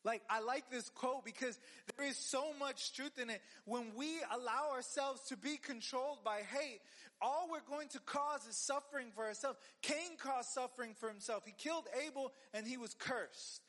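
High-voiced animated male preacher. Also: normal speed. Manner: animated, acts out the quotes. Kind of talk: sermon.

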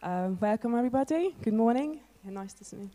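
A woman from Hungary, a theology student answering interview questions carefully, pausing often on "um". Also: a little high, expressive, dark tone, in a large hall. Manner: careful, halting, many "um"s. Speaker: theology student on church placement. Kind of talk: hesitant spoken answers in an interview. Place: church hall with long reverb.

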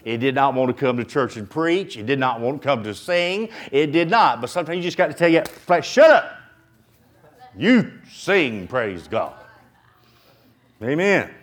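A man preaching a sermon in church, animated, swinging from loud outbursts to quiet asides and acting out prayers. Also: medium pitch, brisk, few pauses. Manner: acts out prayers in dramatic voices.

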